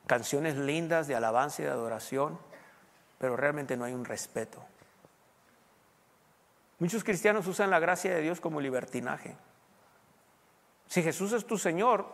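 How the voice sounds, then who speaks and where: Preacher man in a reverberant hall. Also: fairly high pitch. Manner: conversational preaching, rhetorical questions, occasional English phrases. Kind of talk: sermon. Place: U.S. Southwest.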